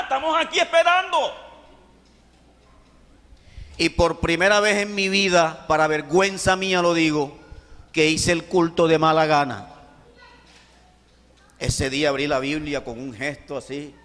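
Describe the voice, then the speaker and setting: A Colombian man preaching a testimony as a pastor, telling the story in an animated way, acting out voices and swinging from shouts to hushed tones. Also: on the high side. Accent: Colombian Caribbean Spanish. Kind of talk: sermon testimony. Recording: long hall reverb.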